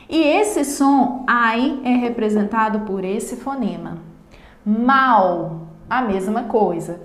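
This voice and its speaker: A Brazilian woman teacher talks through a grammar lesson at an unhurried pace. She pauses to stress each example word as she explains it. Her voice rings in a roomy, echoey space. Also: medium pitch, darkish tone. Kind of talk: recorded online grammar lesson.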